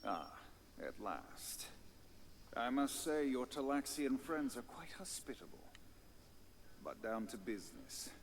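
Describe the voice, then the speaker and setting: Grave villainous alien warlord. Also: male voice, mid-range voice, sing-song, slow pace, slight background noise. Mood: stern. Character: menacing alien male warlord, proud and vengeful.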